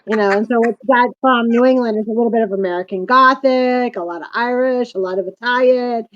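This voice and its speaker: A woman hosts a casual chat in a slightly high, fairly quick voice, speaking in long rambling turns packed with asides. Her manner is chatty and digressive, and the recording has a dull lo-fi sound.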